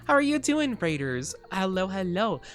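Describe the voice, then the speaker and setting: A man's voice: high-pitched, sing-song, normal speed. A man hosting a livestream as a VTuber, chatting casually while he plays a game, with effusive, gushing greetings and a cutesy, cooing way of talking. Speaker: VTuber streamer host.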